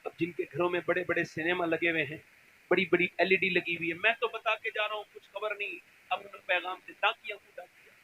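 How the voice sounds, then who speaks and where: A male preacher giving an impassioned sermon before a gathering, swinging from soft storytelling to loud shouted exhortation. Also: high-pitched, little pitch movement, fairly quick, dull audio, a little hiss or hum.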